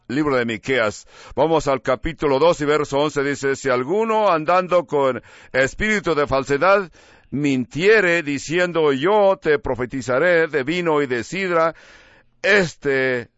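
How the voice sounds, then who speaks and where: A man's voice: on the high side, fairly bright tone, no room sound, highs cut off. A man preaching a sermon, reading verses and mimicking what people say in mocking voices. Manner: slow, emphatic preaching with mocking voiced quotes.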